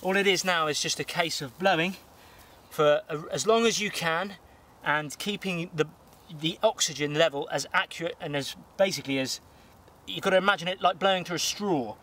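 A young man calmly explaining bushcraft fire lighting step by step while he works, recorded outdoors at a woodland camp on a nearby camera mic. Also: fairly high pitch. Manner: explains steps calmly while working with his hands, pauses to blow on embers. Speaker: bushcraft host. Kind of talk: instructional outdoor vlog.

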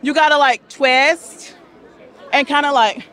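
A woman's voice: high voice, steady tone, slow pace, a crowd in the background. A young woman frankly explaining things in a street interview at night, speaking into a handheld mic. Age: young adult. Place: busy outdoor street at night. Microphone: handheld microphone. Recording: noisy crowded street at night.

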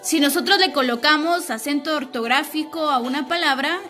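A young woman teacher gives a recorded lesson to young children. Her voice is high and bright, and she speaks slowly and clearly, pausing to ask the class questions. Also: soft background music. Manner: patient, slow and clear, asking the class questions. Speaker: primary school teacher.

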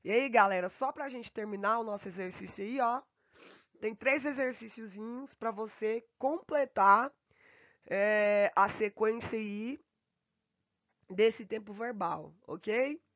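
A woman teaches English grammar remotely from home. She stretches out her English example sentences and rushes through the asides. The sound is dry and a little muffled. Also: a little high, fairly bright tone, no room sound. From Brazil. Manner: slow, drawn-out English examples between quick asides. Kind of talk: remote lesson explaining grammar. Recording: dull, dry home recording.

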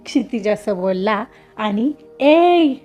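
A woman narrating a serialized story as a channel host, in a gentle, measured reading. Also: high voice, lively intonation. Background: soft background music.

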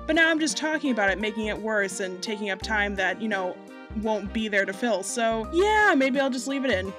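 A woman from Massachusetts talks through a gameplay voiceover at a middling pitch, rambling and poking fun at herself. Her voice comes through muffled because she is recording under a blanket, and her breathing is audible. Quiet music plays faintly behind her. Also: expressive, a little fast. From Massachusetts, United States. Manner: chatty, rambling, self-deprecating, laughs often. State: breathing audibly, getting hot. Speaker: gaming YouTuber. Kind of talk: casual voiceover commentary over gameplay. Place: at home late at night, under a blanket.

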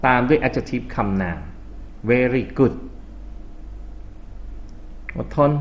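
A male English tutor leads a classroom grammar lesson, quizzing students with frequent questions and mixing English terms into his explanations. He speaks extremely slowly at medium pitch. The classroom recording is dull and lo-fi.

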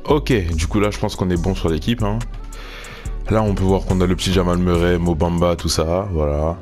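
A young man casually commenting on a sports video game, thinking aloud and getting excited over pack openings. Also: deep voice, moderate pace, soft background music. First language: French. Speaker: gaming YouTuber.

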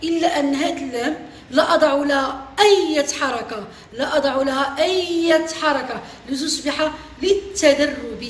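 A woman teacher leads a dictation lesson for young pupils, with a fairly high voice. She slows down and repeats words syllable by syllable. The room is very echoey, with a faint hum behind her. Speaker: primary school teacher. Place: classroom.

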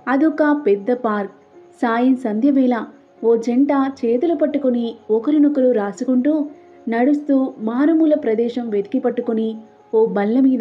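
Storytelling woman with soft music behind. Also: on the high side. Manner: reads all parts herself with soft dialogue. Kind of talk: audiobook story narration. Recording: dull lo-fi with soft background music.

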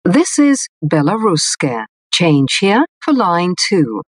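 Woman, subway announcer, lowish voice, formal scripted phrases, dry studio-like sound. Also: very animated, takes it slowly, no echo.

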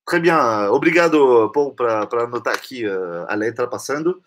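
A man's voice: medium pitch, lively intonation, a little hiss or hum. French man teaching song pronunciation. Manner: sings lines slowly, then explains.

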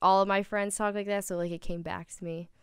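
A woman's voice: medium pitch, little pitch movement, fast talker, clean tone, no room sound, clean studio sound. A young woman from the Chicago area, chatting casually as a podcast guest, giggly and drawing out her vowels. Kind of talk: casual chat.

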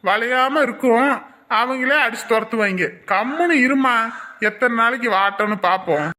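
A woman's voice: a little high, expressive, moderate pace, bright, forceful tone, reverberant, a little hiss or hum. A woman playing a stubborn young husband who bossily orders his wife to stay home. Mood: dismissive. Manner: bossy, dismissive.

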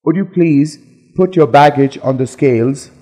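A man with a slightly raised pitch reads practice dialogue phrases in a plain, measured delivery. A long reverb hangs after his lines. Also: mellow. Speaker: dialogue reader in an English lesson. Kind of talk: scripted dialogue reading.

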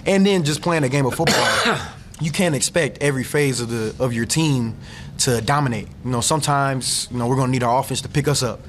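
Fast-talking young football player. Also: male voice, mid-range voice, slight background noise. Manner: fast, casual, lots of "you know". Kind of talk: post-game press conference. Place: press room, seated at table. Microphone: table mic.

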